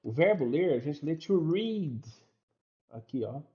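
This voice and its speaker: A man's voice: medium pitch, lively intonation, fairly quick, highs cut off. A man teaching an online English class, explaining step by step in a chatty way and checking in with his students.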